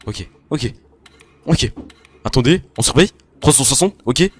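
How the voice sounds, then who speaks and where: A man's voice: medium pitch, measured pace, slight background noise. A man commentating his horror game playthrough, often panicking and talking straight to his viewers. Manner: panicky, excitable, talks to viewers. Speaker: gamer.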